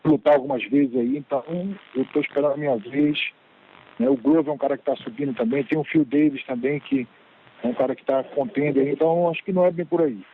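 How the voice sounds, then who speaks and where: A man's voice: fairly high pitch, rapid-fire. A man, a fighter, answering a reporter's question over a conference call phone line, hesitant and thinking aloud with fillers. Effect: heard over a phone conference line. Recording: tinny phone line with faint hiss.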